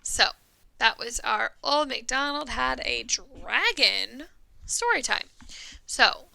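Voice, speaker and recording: A woman's voice: fairly high pitch, lively intonation, takes it slowly, gravelly, pushed and bright, dry recording, low-quality recording. A woman music teacher reading a story to young children with lots of expression, singing the refrain and asking them questions.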